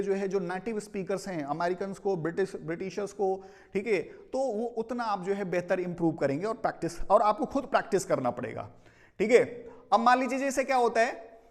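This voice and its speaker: Casting: male English teacher with an Indian accent, very high voice, steady classroom explaining, long room reverb. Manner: explains with repeated "theek hai" check-ins, mixing Hindi and English. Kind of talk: classroom pronunciation lesson.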